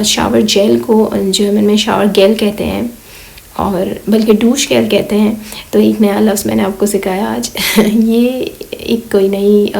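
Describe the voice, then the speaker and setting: Hoarse sick woman rambling thru her vlog, flat gravelly low-key voice. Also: rough recording. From Pakistan. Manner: slow, rambling, many fillers. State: hoarse and weak from illness. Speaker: vlogger. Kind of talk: casual voice-over vlog.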